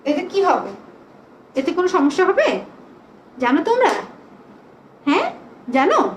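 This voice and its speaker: A woman teaching an English class to young children online, slowly stretching out example sentences for them to repeat. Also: high-pitched. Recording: echoey room, faint background noise.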